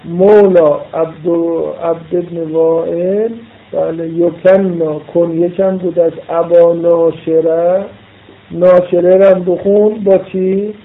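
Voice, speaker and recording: Male seminary-style lecturer, high voice, patient letter-by-letter explanations, phone-thin sound. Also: level tone. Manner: explains pronunciation letter by letter, repeating for emphasis. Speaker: religious studies teacher. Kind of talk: lecture reading and explaining a classical Arabic text. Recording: tinny phone-like audio.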